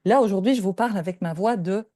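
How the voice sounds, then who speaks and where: A woman's voice: mid-range voice, fast talker, mellow, dry recording, studio quality. An older woman from Belgium, a professor giving a lecture and explaining points step by step, often checking in with her listeners. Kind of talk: lecture presentation.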